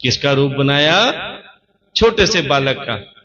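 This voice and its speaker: A man preaching at a temple, telling a scripture story in an animated way, acting out the dialogue and repeating lines for emphasis, on a dull lo-fi recording. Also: medium pitch, slow pace. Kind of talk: devotional scripture storytelling sermon.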